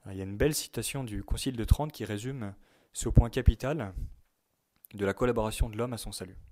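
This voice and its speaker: A man giving a religious teaching to young people, speaking in a measured way and stressing key words, sometimes reading quotations aloud. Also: lowish voice, warm tone. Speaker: teacher at a youth retreat.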